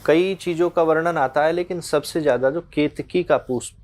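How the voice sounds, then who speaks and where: Calm man explaining ritual, dry sound. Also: fairly high pitch, no room sound. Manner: calm, unhurried, tells short religious parables. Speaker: spiritual teacher. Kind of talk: explaining devotional practice in an interview.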